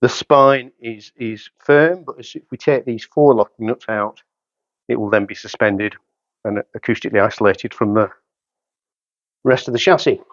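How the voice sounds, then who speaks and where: With fairly even intonation at a normal speed, a medium-pitched man in his fifties explains a product setup while doing it. The hi-fi dealer speaks in short, matter-of-fact steps inside a carpeted indoor showroom, and the audio has no echo and its highs cut off.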